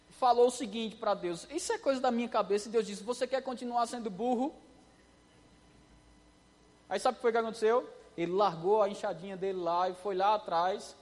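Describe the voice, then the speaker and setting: A man preaching a sermon, telling a story in an animated way and acting out the voices. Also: high voice, big-room sound.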